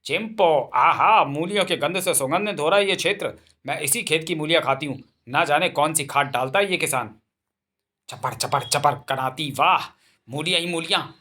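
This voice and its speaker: A man's voice: a little high, normal speed, bright, forceful tone. A man voicing a spiteful, greedy female elephant who scolds and gloats. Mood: gloating.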